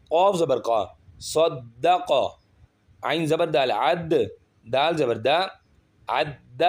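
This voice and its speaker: A male Quran reading teacher with a slightly raised pitch. He works through each letter and vowel mark aloud, one syllable at a time, then blends them into the whole word. Between the drills he explains the pronunciation rules patiently, in a plain lesson style. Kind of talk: slow step-by-step recitation lesson.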